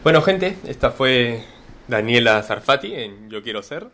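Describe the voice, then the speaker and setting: A man's voice: medium pitch, lively intonation, unhurried, fairly bright tone, a little hiss or hum. A man hosting a podcast, talking loosely and casually with slang and frequent check-ins to his listener. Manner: loose, slangy, keeps asking "¿me entiendes?". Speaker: podcast host. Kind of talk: casual conversation.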